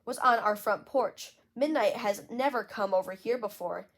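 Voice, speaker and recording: A woman's voice: medium pitch, moderate pace, natural voice. A woman reading aloud, voicing a bold, dramatic little girl who loves witch stories. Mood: eager.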